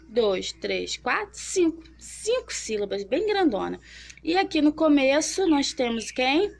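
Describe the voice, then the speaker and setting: A young woman with a fairly high, gravelly voice teaches children to read, drawing while she speaks and slowly sounding out syllables. She checks in with the listener often, using tag questions.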